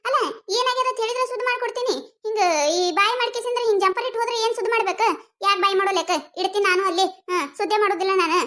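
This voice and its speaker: A performer voicing a proud village tailor woman with a North Karnataka accent who snaps back quickly in a cartoon comedy. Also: very high voice, fairly even intonation, sharp tone. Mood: defensive. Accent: North Karnataka Kannada. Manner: defensive, quick retorts.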